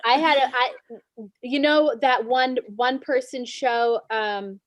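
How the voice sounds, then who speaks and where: A woman's voice: high voice, steady tone, takes it slowly, no echo. A woman chatting casually with improv friends, telling a story with a laugh in her voice. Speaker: improv performer. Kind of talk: casual group chat on a video call.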